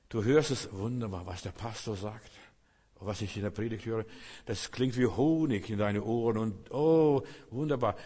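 Emphatic preaching man in a reverberant hall. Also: medium pitch. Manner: emphatic preaching, swings between loud and hushed. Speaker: pastor. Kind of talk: sermon. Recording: long reverb of a large hall.

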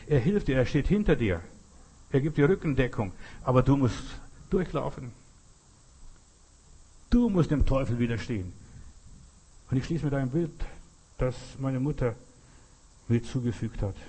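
Husky-voiced preacher, earnest and urging. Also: male voice, medium pitch, dark tone. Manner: earnest exhortation addressing the listener directly. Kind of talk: sermon.

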